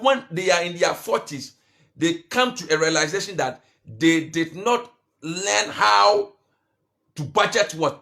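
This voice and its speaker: A finance coach gives a motivational talk, full of restarts and rhetorical questions. When he urges his listeners on, his voice climbs in pitch and grows louder and more forceful.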